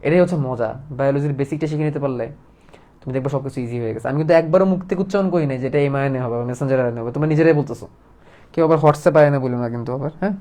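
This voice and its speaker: A man teaching a casual biology lesson, lively and full of questions to students. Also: mid-range voice, racing. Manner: lively, asks students questions and plays out molecules as characters.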